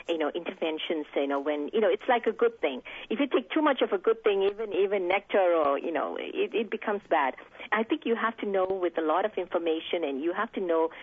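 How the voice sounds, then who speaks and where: A woman's voice: fairly low pitch, breathy edge, no echo. Woman physician on a tinny phone line. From Singapore. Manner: explanatory, frequent fillers and restarts. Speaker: physician guest. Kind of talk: radio interview answers. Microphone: telephone.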